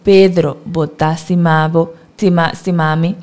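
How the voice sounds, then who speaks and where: Woman voicing a calm gentle man in a storybook, slow and soft. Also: low-pitched.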